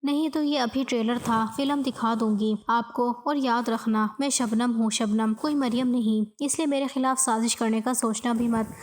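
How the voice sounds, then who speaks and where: A woman voicing a scheming, arrogant young wife who talks in a sharp, bossy way in a storybook narration. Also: fairly high pitch, fairly even intonation, few pauses, close to an everyday voice, poor audio. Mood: gloating.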